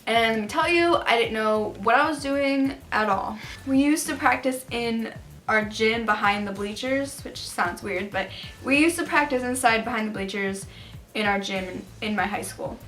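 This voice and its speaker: Bright, high-voiced young woman telling chatty stories. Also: moderate pace, soft background music, rough recording. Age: young adult. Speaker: storytime vlogger. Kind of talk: casual confessional storytelling to camera.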